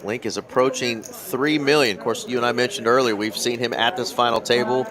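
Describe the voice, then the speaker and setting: A man giving relaxed, chatty color commentary on a live poker stream, reading out viewer comments. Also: mid-range voice, brisk, crowd noise. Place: poker card room broadcast desk.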